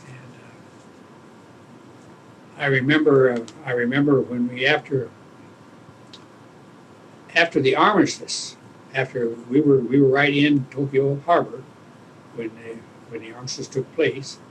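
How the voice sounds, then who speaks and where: An elderly man, a war veteran, reminiscing in an interview, haltingly searching for his words as he remembers. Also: medium pitch, steady tone, slight background noise, poor audio. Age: older, around 80. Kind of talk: oral history interview, reminiscing.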